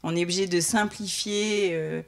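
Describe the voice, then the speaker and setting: Creaky-voiced woman researcher answering questions. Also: lowish voice, steady tone, moderate pace. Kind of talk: spontaneous academic discussion.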